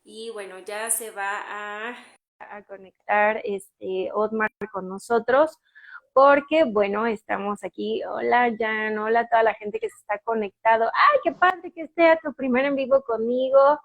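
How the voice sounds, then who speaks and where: Waiting on a guest during her casual live stream, a Mexican Spanish–accented woman chats on, her talk packed with fillers and false starts. She speaks a little slowly in a voice on the high side.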